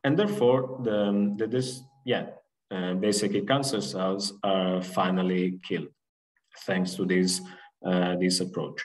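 Young guy, slightly low voice, lecturing on a webinar call, lots of uhs and restarts. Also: steady tone, rough recording. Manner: halting, many fillers and restarts while explaining. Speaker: invited researcher giving a talk. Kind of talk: webinar lecture over slides. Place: indoor room. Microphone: video call from a laptop webcam.

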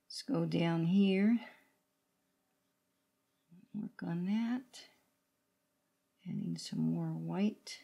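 Slow-talking woman with a creaky voice. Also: fairly low pitch, mellow. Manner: sparse short phrases while working. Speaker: watercolor painting instructor. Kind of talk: unscripted step-by-step art tutorial. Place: indoor studio room at a worktable.

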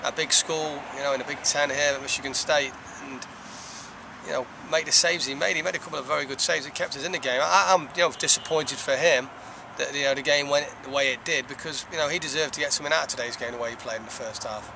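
A man in his thirties, a soccer head coach, giving a measured, reflective postgame interview outdoors, with lots of "you know". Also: a little high, steady tone, gravelly. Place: outdoors by a stone wall. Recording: outdoor traffic noise.

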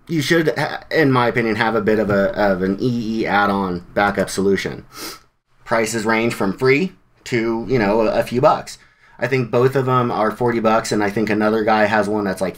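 A man giving a casual, conversational presentation to a developer meetup, with informal slang and frequent restarts. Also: on the low side. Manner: conversational, with many fillers and restarts.

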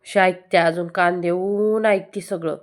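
A woman with a Marathi accent talking to her small children at home, coaxing them to sleep with playful scolding and soft repeated words. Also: on the low side, steady tone, measured pace. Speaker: mother filming her children. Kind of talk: casual home vlog, talking to babies.

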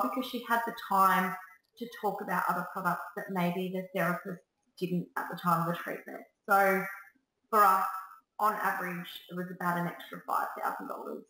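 A salon owner in her thirties gives upbeat, chatty business tips straight into a webcam from a small salon room with echoey acoustics. Her voice is medium-pitched, bright and forceful.

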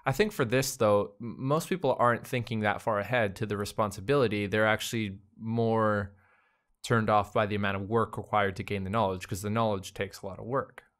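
A man's voice: on the low side, steady tone, a little fast, a bit bright. A man co-hosting a casual podcast conversation, thinking aloud with fillers and restarts. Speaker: podcast co-host.

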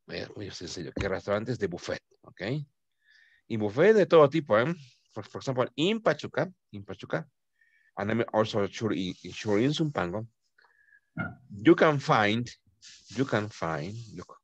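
Man teaching English, lively pitch. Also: no room sound. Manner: patient, repeats words slowly, drifts quieter at phrase ends. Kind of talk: online class teaching, mixing Spanish and English.

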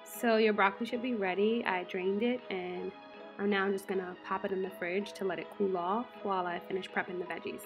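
A woman in her twenties, chatty and relaxed, walking through a meal prep in her home kitchen. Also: mid-range voice, fairly quick, soft background music. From United States. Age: 20s. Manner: chatty, relaxed, lots of fillers. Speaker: lifestyle vlogger. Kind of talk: casual how-to vlog.

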